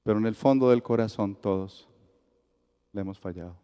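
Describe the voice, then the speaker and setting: The sermon comes from a man with a Colombian accent whose lowish, clean voice carries a big-room sound in the church sanctuary. Speaking at normal speed, the pastor acts out the conversations in his story with lively flair.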